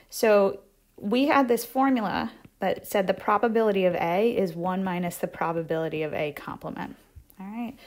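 A woman math instructor giving a conversational recorded lecture over slides, repeating key points and checking in with "right?" often. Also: medium pitch.

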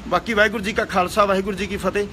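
A young man delivers a heated, scolding video rant in a high, bright voice. He repeats his points with force as he talks straight to his viewers. Faint noise sits behind him. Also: fairly even intonation, very fast. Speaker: actor and singer.

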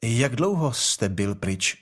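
A calm young investigator questions a king with quiet persistence, voiced by a male audiobook reader. His delivery is measured and unhurried, with a slightly husky tone. He never raises his voice. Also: medium pitch, close to an everyday voice.

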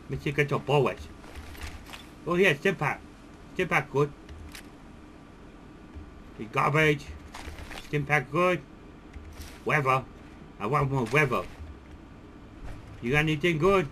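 A man's voice: normal speed, bright, forceful tone, a little hiss or hum, exaggerated voice. A man voicing Steve, a dim, hot-headed character who talks about himself in the third person and curses while playing a game. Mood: muttering. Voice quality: high creaky voice, cursing, third-person talk. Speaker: gameplay commentator. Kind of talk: let's play commentary.

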